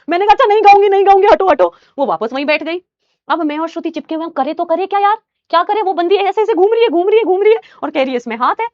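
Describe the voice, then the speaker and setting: A young woman teacher telling a personal story in a casual, animated way, addressing listeners like her students. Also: high-pitched, no echo, muffled recording.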